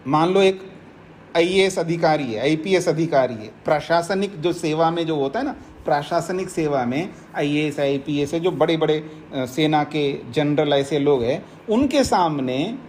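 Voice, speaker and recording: A man's voice: fairly high pitch, a little slow, a little mellow, a little hiss or hum. A man, a swami, giving a spiritual discourse, explaining points by repeating them and using everyday examples. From India. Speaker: swami teaching scripture.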